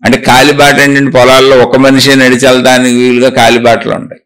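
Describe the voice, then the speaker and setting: A man's voice: mid-range voice, monotone, fast talker, a bit bright. A man, a spiritual teacher, giving an earnest spiritual talk, answering viewers' questions and telling a parable, with rhetorical questions along the way.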